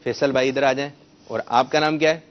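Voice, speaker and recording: A man's voice: medium pitch, fairly even intonation. A man hosting a children's quiz show, coaxing the kids and correcting their pronunciation. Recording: muffled lo-fi broadcast sound.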